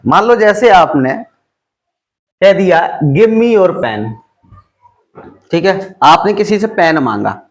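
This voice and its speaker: A man teaching spoken English in a fairly high voice, drilling his class by asking questions and answering them himself. He reads English example phrases slowly and deliberately, one word at a time.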